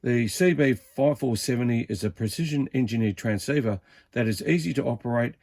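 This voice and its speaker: A hobbyist reviewer of vintage CB radios gives a casual, informal unboxing commentary, muttering to himself as he handles the gear. His medium-pitched voice is a little mellow and fairly quick, with clear background noise and handling clicks in the recording.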